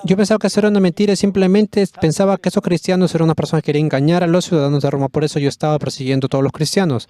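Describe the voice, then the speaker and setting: A man's voice: on the high side, fairly even intonation, rapid-fire, hardly any pauses, warm tone. A man preaching a sermon with passion, lifting his voice on key words and sometimes restarting a phrase. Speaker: pastor.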